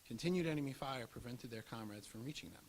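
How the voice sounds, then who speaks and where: Speaking fast in a mid-range voice, this man delivers a scripted narration about history, read as a documentary. The rough recording has noticeable hiss and background noise.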